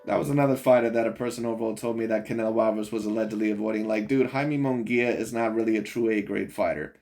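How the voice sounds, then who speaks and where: A man's voice: lowish voice, fairly even intonation, fast talker, creaky, darkish tone, faint music behind. A man giving casual opinion commentary on boxing while reviewing a video, rambling and chuckling between points. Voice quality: rambling, repeats "overall" and "in my opinion", chuckles often.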